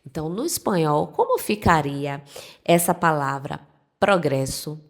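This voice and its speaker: A woman teacher, explaining pronunciation to the camera patiently and spelling out examples slowly. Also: sits low, gravelly. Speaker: Spanish teacher.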